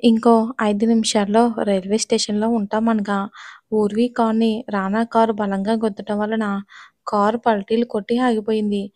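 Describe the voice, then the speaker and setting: Steady-voiced woman narrating a story. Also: medium pitch, normal speed, no echo.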